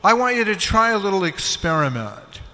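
A man with a high, bright voice lectures in a large hall. He speaks slowly and deliberately, pausing to question the audience, and the long reverb of the room trails after each phrase. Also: big pitch swings. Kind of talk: lecture with consecutive interpreting.

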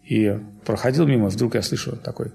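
Gravelly-voiced man giving a rambling talk. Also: mid-range voice, normal speed, a little hiss or hum. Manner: loose and digressive, full of fillers and self-corrections. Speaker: spiritual lecturer. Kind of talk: informal spiritual lecture.

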